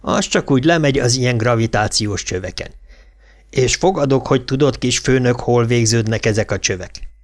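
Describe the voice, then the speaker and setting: A man voicing a gruff older small-town policeman who lectures in blunt, folksy dialect. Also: mid-range voice, lightly acted. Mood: lecturing. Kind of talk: audiobook character voice.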